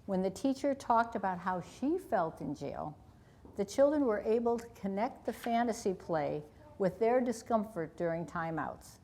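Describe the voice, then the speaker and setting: A woman author reading aloud from her parenting book in a measured, calm way. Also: medium pitch.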